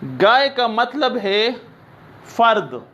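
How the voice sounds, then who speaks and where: A man teaching an English grammar lesson, reading example sentences slowly and often checking that his students understand. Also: extremely high pitch, big pitch swings, pushed and bright, highs cut off, a little hiss or hum. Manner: explains in Urdu, reads English examples slowly.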